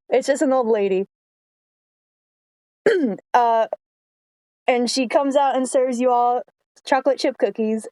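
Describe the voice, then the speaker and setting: A woman's voice: fairly high pitch, warm tone, no room sound, poor audio. A young woman acting as game master. She narrates in a playful way, laughs often and gets distracted easily.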